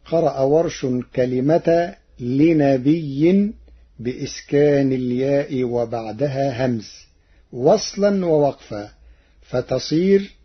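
Man, formal religious explainer, measured intoned examples, breathy voice, muffled lo-fi radio recording. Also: mid-range voice. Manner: measured, intones quoted verses slowly. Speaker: radio presenter explaining Quran reading variants. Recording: dull lo-fi archival radio recording.

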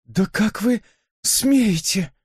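A man's voice: high voice, animated, moderate pace, darkish tone, no room sound, clean studio sound, pitched above the performer's own voice. A man voicing an earnest, anxious young woman in an audiobook reading, speaking in a tense, pleading, trembling way. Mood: indignant.

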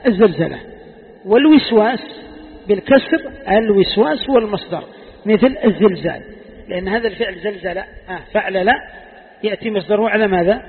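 A high-pitched man teaching a lesson on Quran commentary, pausing on questions and echoing each point back to his class. The sound is thin and phone-like, and a long reverb hangs after his words as if in a large hall. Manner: asks the class questions and repeats key phrases.

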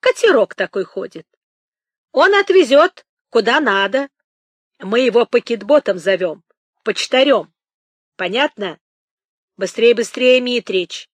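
A woman doing a loud, teasing, jovial boatman. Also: very high voice, lively intonation, unhurried, long pauses, no room sound, full character voice. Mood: hurried, jocular. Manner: boisterous, bantering, snorting with laughter.

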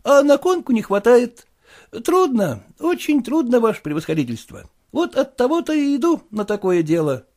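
A man's voice: very high voice, big pitch swings, normal speed, darkish tone, pitched above the performer's own voice. A man voicing a young male suitor who sounds fawning and whiny. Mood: pleading. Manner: pleading, deferential, whiny.

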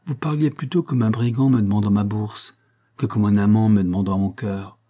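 A man's voice: fairly low pitch, fairly even intonation, normal speed, dark tone, lightly acted. A man reading aloud who voices a proud young woman sharply rebuking a suitor in an audiobook. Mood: indignant reproach. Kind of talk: audiobook character voicing.

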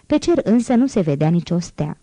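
Calm, low-voiced woman narrating a novel. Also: no room sound. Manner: calm, measured storytelling. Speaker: audiobook reader. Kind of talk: audiobook narration of a classic novel.

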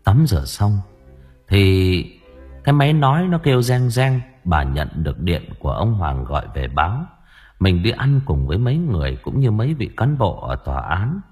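Lively, low-voiced male storyteller. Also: breathy edge. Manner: expressive, dramatic storytelling. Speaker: audiobook narrator. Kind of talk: dramatic audiobook narration.

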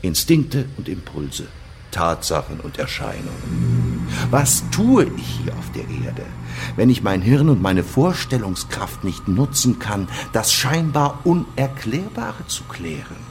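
In a German radio play, an actor gives full character voice to a cynical, coolly menacing Soviet chief prosecutor, stretching his words theatrically and sometimes dropping toward a whisper. His voice is on the low side and very animated, with soft music behind him, and the mood is grandiose and sardonic.

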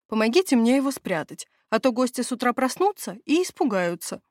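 A woman's voice: on the high side, sing-song, fairly quick, darkish tone, no echo, studio quality, pitched above the performer's own voice. A woman reading the part of a grumbling, evasive male castle steward in an audiobook. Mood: wheedling. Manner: whining, evasive, haggling.

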